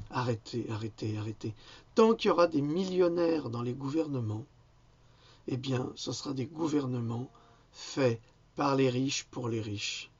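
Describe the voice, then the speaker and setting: Man, ranting commentary, insulting, many fillers, raspy, dull lo-fi recording. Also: mid-range voice. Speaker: video commentator.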